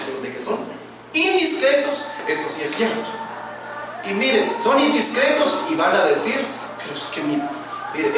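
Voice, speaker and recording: A middle-aged male pastor preaching a sermon in a church, asking rhetorical questions and swelling in volume. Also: sits high. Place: church sanctuary. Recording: echoey church hall, distant mic, noisy.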